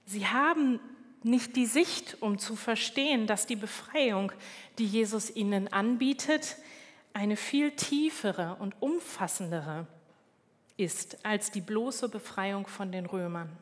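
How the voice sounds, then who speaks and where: Slow, measured woman preaching in a reverberant hall. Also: mid-range voice. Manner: calm, measured, with small slips and self-corrections. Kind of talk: sermon.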